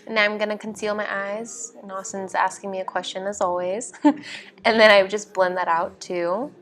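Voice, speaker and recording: With a slightly bright, mid-range voice that barely moves in pitch, a young woman vlog host walks through her makeup routine at a moderate pace. She keeps it informal and chatty over background music.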